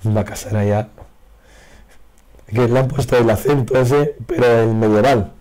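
His voice nearly gone, a card game video maker gives laid-back pack-opening commentary at medium pitch and a slightly slow pace. Loud, excited reactions greet each pull, recorded on a broken mic.

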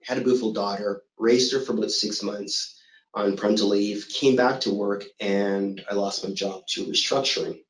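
A middle-aged man giving a motivational talk, telling his own story in a lively way and acting out what others said to him. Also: on the low side, normal speed, roomy sound, rough recording. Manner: storytelling, animated, acts out quoted voices. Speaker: motivational speaker.

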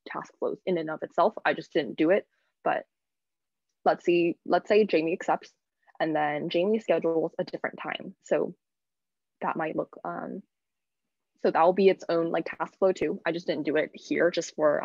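A woman's voice: on the low side, gravelly, darkish tone, no room sound. A woman in her twenties presenting a workshop casually and chattily over a video call, with muffled audio. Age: 20s. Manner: informal, chatty.

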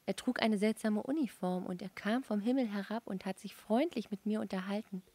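A woman's voice: medium pitch, brisk, warm tone, dry recording, close to an everyday voice. A woman voicing a dreamy young Martian wife who eagerly describes a strange dream.

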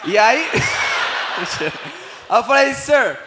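High-voiced Brazilian comic onstage. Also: male voice, extremely slow. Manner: animated, acts out voices and broken English. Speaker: stand-up comedian. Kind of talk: stand-up storytelling. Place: comedy club stage with live audience. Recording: echoey live room, crowd and noise.

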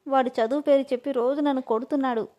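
A spoiled teenage schoolgirl whines and grumbles through a storybook scene, her voice sitting a little high, as a woman reading the tale puts her on. She sounds sulky and sleepy. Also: fairly even intonation, fast, dark tone, dull audio, natural voice. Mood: whiny. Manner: whiny, complaining.

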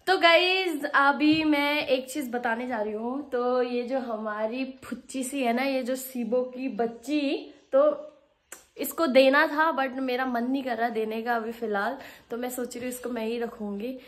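A woman's voice: high voice, fairly even intonation, unhurried. A young woman chatting casually to her vlog viewers, giggly and laughing as she talks. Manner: chatty, giggly, often laughing while talking. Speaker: vlogger.

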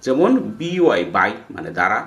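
A man's voice: on the low side, big pitch swings, a little fast, a bit bright, roomy sound. A man teaching English in Bengali, spelling out words letter by letter and repeating them for emphasis. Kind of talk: spoken lesson explaining English words.

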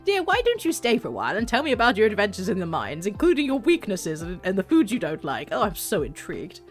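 A woman's voice: medium pitch, huge pitch swings, fast, soft background music. A woman voicing a sly, menacing old granny adventurer, for a video game. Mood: fond. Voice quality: sugary, elderly, with a hidden threat.

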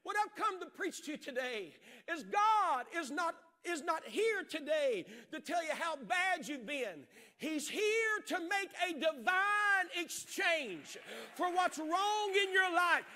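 A middle-aged man preaching an impassioned sermon on a large church stage, swinging from shouts to hushed storytelling. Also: extremely high pitch, very animated, unhurried. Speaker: pastor.

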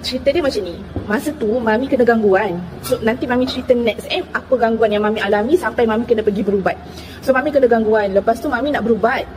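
A woman's voice: on the high side, fast, hardly any pauses, a crowd in the background. A woman from Terengganu with a Malaysian Malay accent, casually telling viewers her own story and acting out what others said. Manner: animated, acts out other people's lines. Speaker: storyteller recounting her experience.

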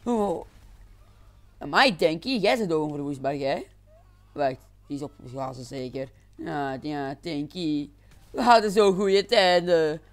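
A man giving excitable let's-play commentary, exclaiming and laughing often. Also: a little high, measured pace. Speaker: gaming channel host.

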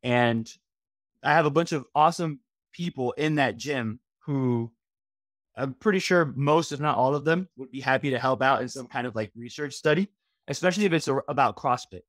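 The speaker is a relaxed middle-aged guest, a registered dietitian from Miami, USA, talking in a casual interview on a video call from a home room. His voice is medium-pitched and moderately paced, dry and close through a headset without echo, as he rambles through lists full of fillers.

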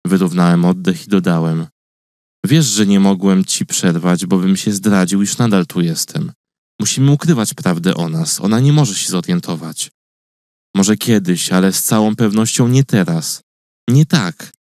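A man's voice: low voice, moderate pace, darkish tone, no echo. A man narrating a novel in the first person in a tense, controlled way, recorded in a radio studio. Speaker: audiobook narrator.

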